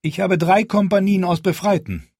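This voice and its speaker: A man reading a proud, commanding young queen in an audiobook, raising his voice high and firm. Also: steady tone, normal speed, darkish tone, husky, no echo, studio quality. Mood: defiant. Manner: firm, defiant, raised pitch.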